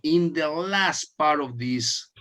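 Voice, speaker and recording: A man from Mexico, hosting an interview and talking in a halting way with many restarts. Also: fairly high pitch. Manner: halting, many restarts, lively laughing emphasis. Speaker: host. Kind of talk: casual video-call interview.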